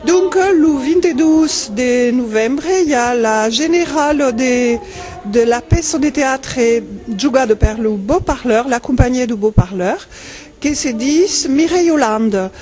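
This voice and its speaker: A woman's voice: high voice, lively intonation, measured pace, darkish tone, faint music behind. Woman reporting at a theatre. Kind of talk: on-location report.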